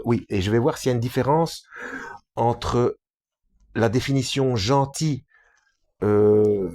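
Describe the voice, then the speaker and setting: A man's voice: medium pitch, dark tone. A man giving an informal reading with running commentary, hesitant, full of fillers and restarts, with self-mocking asides. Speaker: presenter of a video series studying religious texts.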